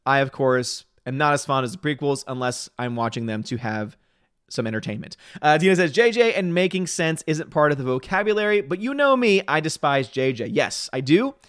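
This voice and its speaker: Reading his chat aloud on a livestream, this thirtysomething man is chatty and opinionated, dropping quick asides as he reacts, his voice a little tired. It's a little high, expressive, fairly bright and clean, recorded in a clean studio with no room sound.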